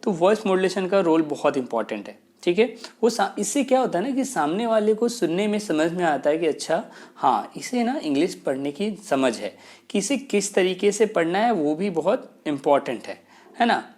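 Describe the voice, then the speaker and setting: Patient man teaching in a relaxed way. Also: high voice. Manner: patient, explanatory, slows down for key phrases. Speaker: English teacher. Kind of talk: casual spoken lesson, mixing Hindi and English.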